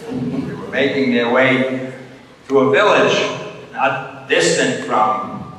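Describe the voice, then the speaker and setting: A man, a deacon, retelling a gospel story for children in a slow, mock-confused way. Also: mid-range voice, fairly bright tone. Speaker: deacon giving a homily. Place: church during Mass. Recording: distant voice in an echoey church.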